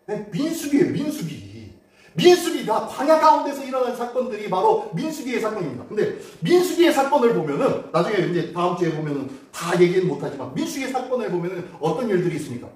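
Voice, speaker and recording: High-voiced pastor preaching in an echoey church. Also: male voice, fast talker, distant mic. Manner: animated storytelling, acts out quotes and asks the congregation questions. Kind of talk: sermon. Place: church sanctuary. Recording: very echoey hall, voice from afar.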